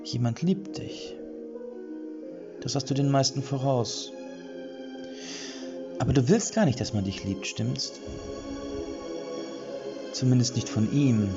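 A man's voice: slow, creaky, long pauses, muffled recording, music in the background. A man voicing a cruel, gleeful female witch in a fairy-tale audiobook, taunting and theatrical. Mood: whispering menace. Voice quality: high, sing-song and cackling.

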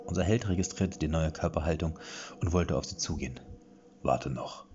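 Deep, expressive male storybook narrator, lively pitch, dull lo-fi recording. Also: a little fast. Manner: expressive, acts out dialogue.

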